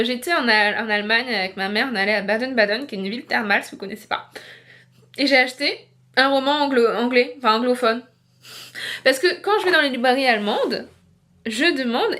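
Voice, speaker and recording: Une jeune femme qui parle de ses livres face caméra, sur un ton décontracté, bavard et décousu, avec beaucoup d'hésitations. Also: female voice, on the high side, a bit bright. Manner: chatty, rambling, many fillers and restarts. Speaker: book vlogger. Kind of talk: casual chat to camera.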